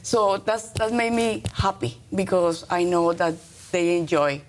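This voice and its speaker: A middle-aged woman from Colombia, a native Spanish speaker with a Colombian accent, answering interview questions as a teacher in halting, earnest English with short emphatic phrases. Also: on the low side, slight background noise.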